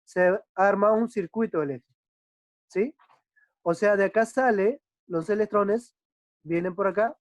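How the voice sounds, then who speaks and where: A male chemistry teacher explaining a lesson patiently, often checking understanding with quick tag questions. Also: high-pitched, no room sound. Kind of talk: online class explanation. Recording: dull dry lo-fi recording.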